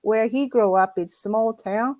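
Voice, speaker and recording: Chatty halting woman host. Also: on the high side, a little mellow, dry recording. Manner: chatty, halting, many restarts and fillers. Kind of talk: casual interview.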